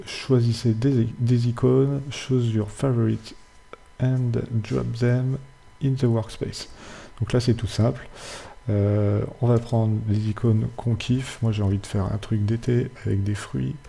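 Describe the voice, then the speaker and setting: A young man hosting a casual screen-recorded software tutorial, hesitating often as he explains each step. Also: on the low side, vocal fry, breathy edge. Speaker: tutorial host.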